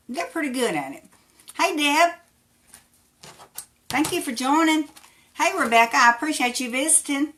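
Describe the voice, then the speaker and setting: Female craft livestream host, Tennessee Appalachian accent, bright forceful voice, folksy and chatty. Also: medium pitch. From Tennessee, United States. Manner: folksy, chatty, thanks viewers by name. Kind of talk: casual live craft demonstration, greeting viewers.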